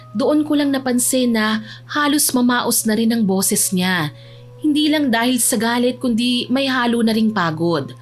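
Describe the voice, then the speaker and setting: A woman narrating a first-person story in an earnest, dramatic way. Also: mid-range voice.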